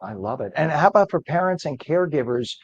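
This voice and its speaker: A hoarse man with a croaky frog voice, hosting live news in a chatty, halting way and interviewing a guest. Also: a little high, expressive, highs cut off. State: hoarse, struggling with voice. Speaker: news host.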